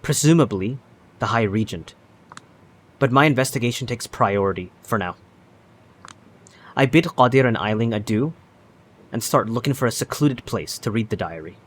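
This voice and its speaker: A man's voice: medium pitch, animated, normal speed, pauses often, slight background noise. A man reading a story game's first-person narration aloud as he plays. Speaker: video game player reading aloud. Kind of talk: dramatic reading of game narration.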